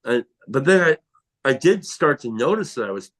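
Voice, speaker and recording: A man's voice: medium pitch, big pitch swings, moderate pace. A man talking casually and reflectively about creative work, rambling with frequent restarts and fillers. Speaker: tile worker who makes videos. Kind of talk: casual conversation.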